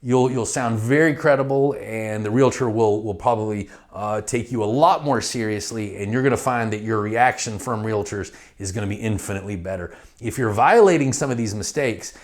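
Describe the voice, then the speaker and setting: A man's voice: lowish voice, normal speed, hardly any pauses. A middle-aged man giving a training lecture on real estate investing, talking directly and conversationally and acting out phone calls to realtors.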